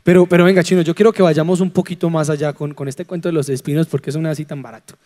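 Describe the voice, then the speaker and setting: A man preaching conversationally to young people, animated and asking teasing rhetorical questions. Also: on the high side, very fast. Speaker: preacher leading a youth forum. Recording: long hall reverb.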